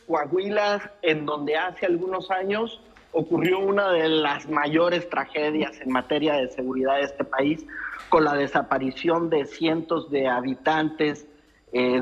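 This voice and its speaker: A man's voice: fairly high pitch, husky. A middle-aged man reporting by phone from the roadside, telling his story with hesitant restarts. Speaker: field reporter. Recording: muffled phone line.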